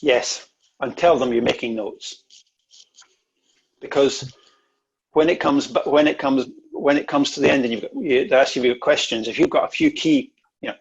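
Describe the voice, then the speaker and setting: A man's voice: medium pitch, breathy edge, muffled recording. A man presenting an online interview-skills workshop, coaching in an emphatic way and often repeating words.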